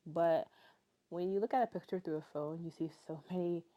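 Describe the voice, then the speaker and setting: Brisk and lowish, with the high frequencies cut off, this young woman in her twenties narrates her vlog casually. Tired and chatty, she speaks native English, rambling with frequent fillers and little laughs.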